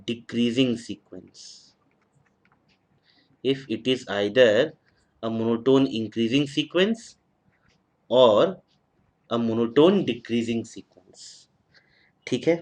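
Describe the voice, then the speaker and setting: Man, maths lecturer, dictating notes, very slow delivery, mid-pitched. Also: a little mellow. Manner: mixes Hindi and English, dictates slowly, repeating each phrase. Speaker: mathematics lecturer.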